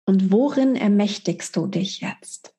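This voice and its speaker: A woman's voice: mid-range voice, takes it slowly, dark tone. A middle-aged woman giving a monthly spiritual energy forecast, speaking directly and emphatically to the listener as a coach.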